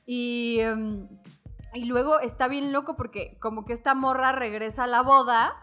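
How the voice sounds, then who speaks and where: A young woman with a Mexican accent, co-hosting a podcast and recapping a film in slangy, animated casual talk. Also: on the high side, moderate pace, faint music behind. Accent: Mexican Spanish. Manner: slangy, animated, acts out quotes. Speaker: podcast co-host.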